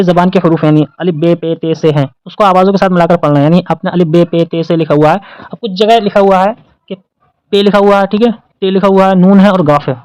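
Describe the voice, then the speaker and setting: High, clear-voiced male Urdu teacher. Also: a little mellow, no echo, rough recording. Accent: Indian Urdu. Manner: repeats options, asks and answers own questions. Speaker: exam-prep teacher. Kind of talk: explaining test questions.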